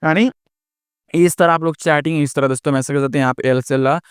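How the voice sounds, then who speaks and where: Friendly teacher spelling words out slowly. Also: male voice, a little high, fairly even intonation, clear, resonant tone, dry recording, studio quality. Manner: keeps adding "दोस्तों" and "है ना?" as check-ins. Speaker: English teacher. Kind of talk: spoken lesson on reading and writing English.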